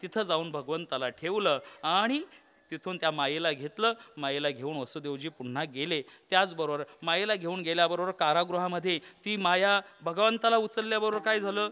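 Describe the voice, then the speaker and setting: A man's voice: fairly high pitch, moderate pace, pushed and bright, smooth. A man preaching a comic devotional kirtan sermon, telling the story theatrically, quizzing the audience and breaking into song. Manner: asks the audience questions.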